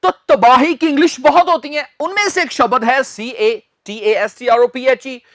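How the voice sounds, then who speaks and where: Slow emphatic male English teacher. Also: extremely high pitch, a bit bright, no room sound, studio quality. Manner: slow and emphatic, repeating words for drill. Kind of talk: spoken English lesson.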